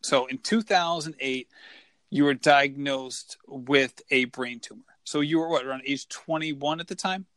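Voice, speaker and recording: This running-podcast host speaks in an unhurried, slightly bright mid-range voice with no room sound. His casual interview chat is enthusiastic and a bit rambling as he brings in his guest and questions him.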